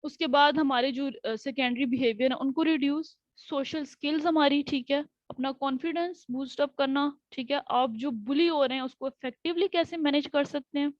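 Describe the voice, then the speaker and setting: A woman speech pathologist explains treatment techniques in a webinar, her voice set high. She pauses on fillers and keeps checking that listeners follow. The audio is dry and slightly muffled. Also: no room sound. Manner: code-switches English terms into speech. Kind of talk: webinar lecture.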